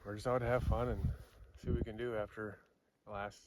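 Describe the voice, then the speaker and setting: Low-voiced man chatting outdoors, very noisy recording. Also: little pitch movement, brisk. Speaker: deer hunter. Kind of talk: casual chat while hunting. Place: outdoors in snowy woods.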